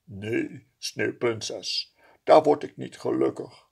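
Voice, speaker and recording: A man reading a picture book aloud, voicing a gentle snowman in a soft, hushed, tender tone. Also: mid-range voice, extremely slow. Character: gentle male snowman, slowly melting.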